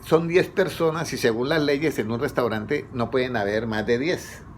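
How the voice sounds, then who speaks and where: A man preaching conversationally, asking his congregation questions and letting them answer, his pitch rising on each question. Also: moderate pace, a little hiss or hum. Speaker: pastor leading a Bible study. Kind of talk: conversational sermon.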